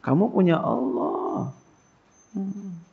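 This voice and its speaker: A man's voice: sits high, animated, extremely slow, gravelly. A man giving a casual religious lecture as a pesantren teacher, asking his listeners questions and answering them in a colloquial way. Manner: colloquial, call-and-response questions. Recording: dull lo-fi lecture recording.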